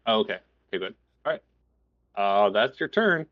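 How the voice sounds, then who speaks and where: A man runs a tabletop game as game master, casually narrating and explaining. His voice sits fairly low. The recording is dry and a little dull. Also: very animated, moderate pace, dry recording. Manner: conversational, explanatory.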